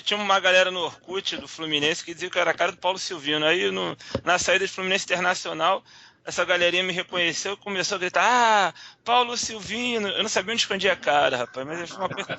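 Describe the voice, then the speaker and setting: Higher-voiced, bright chatty man. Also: vocal fry, dry recording. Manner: talkative, chuckles often. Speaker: podcast panelist. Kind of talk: casual football chat. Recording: dull lo-fi sound.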